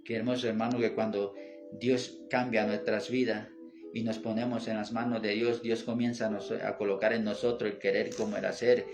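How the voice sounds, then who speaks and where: A man preaching with fervor, calling out to his listeners as brother and retelling scripture. His delivery stays flat and even in pitch. Instrumental music plays clearly under his voice. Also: moderate pace. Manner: fervent, repeats "mi hermano", quotes scripture. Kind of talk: sermon. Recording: music playing behind.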